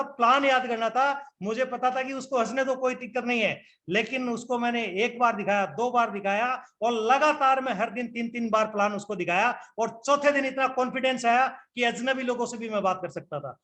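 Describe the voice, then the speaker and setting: Speaking brisk and with few pauses, this man has a very high-pitched, fairly bright voice. He's a network marketing trainer giving an earnest, instructive motivational business talk, speaking straight to listeners and asking rhetorical questions.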